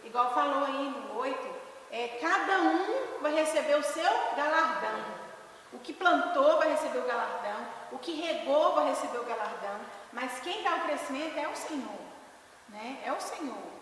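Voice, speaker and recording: A woman's voice: high voice, moderate pace, slight background noise. A woman pastor teaching a discipleship class informally, telling anecdotes and often checking in with her listeners. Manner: lively storyteller, often asks "né?". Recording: echoey hall, distant mic.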